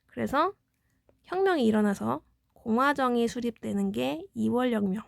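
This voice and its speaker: A woman's voice: a little high, normal speed, gravelly, no echo, studio quality. A woman teaching a middle school history exam review, explaining step by step and answering her own questions. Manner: explanatory, poses questions then answers them.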